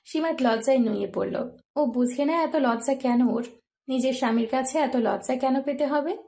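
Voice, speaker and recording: A woman narrating a romance story in a soft, even storytelling voice. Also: high-pitched, normal speed.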